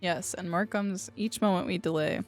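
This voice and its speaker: A woman's voice: fairly low pitch, moderate pace, faint music behind, lightly acted. A woman reading aloud the lines of a male talking book, in a grand, formal, archaic way. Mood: solemn.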